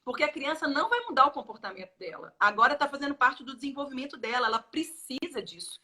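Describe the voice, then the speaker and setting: Bright, expressive woman explaining child feeding. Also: sits high, quick pace. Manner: expressive, acts out the child's and parents' words. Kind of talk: casual conversation, explaining to parents.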